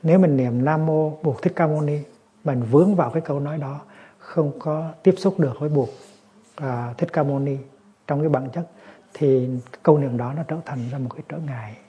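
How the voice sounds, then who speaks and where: Man giving a calm dharma talk. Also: on the high side, a little fast, slightly rough. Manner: calm explaining, lively storytelling. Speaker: Buddhist teacher.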